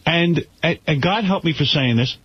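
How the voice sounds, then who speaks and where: A man's voice: on the high side, normal speed. A man hosting a radio show, telling a story in a profane, ranting way. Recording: slightly muffled radio broadcast, faint hiss.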